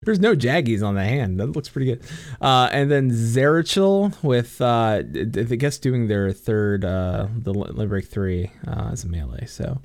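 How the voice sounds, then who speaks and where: This is a young man co-hosting a casual gaming podcast, heard through a computer mic on a voice call. His medium-pitched voice is animated and moves at a normal speed, and the sound is clean and studio-like with no room tone. Expect plenty of giggling, free swearing and frequent fillers.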